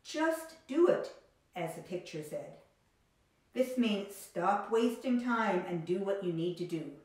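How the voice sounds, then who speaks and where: A woman with a lowish voice teaches English grammar in a slow, clear way, reading out example sentences. The recording carries heavy room echo. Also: animated. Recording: very echoey room.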